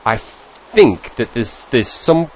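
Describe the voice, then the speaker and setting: A man's voice: medium pitch, very animated, slow, slight background noise, poor audio. A British man answering viewer questions in a casual vlog, in a rambling, self-deprecating and chatty way. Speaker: YouTuber.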